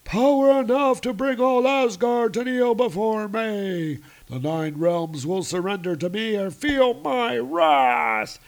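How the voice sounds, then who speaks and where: Man voicing a huge frost giant, menacing bully, strained high delivery, odd timbre. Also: expressive, slow pace, few pauses, heavily acted. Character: hulking male frost giant, menacing then dazed.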